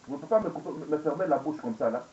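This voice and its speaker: An angry man in his forties races through a rambling webcam monologue indoors, circling back to the same phrases, posing rhetorical questions and switching into English. His voice is fairly high, expressive and mellow, and the lo-fi audio sounds echoey and dull.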